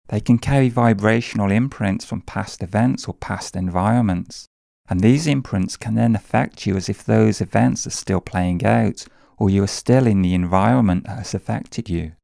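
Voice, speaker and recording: A man reads a guided meditation in a low voice with a gravelly edge. His delivery is calm, measured and soothing, with a mellow tone, spoken as scripted narration. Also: no echo, studio quality.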